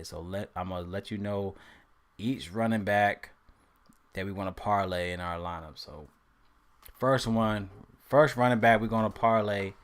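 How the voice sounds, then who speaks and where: A man with a low voice hosting a laid-back sports picks stream. He talks in loose slang and keeps repeating and testing out player names in a playful way. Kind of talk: casual live-stream sports talk.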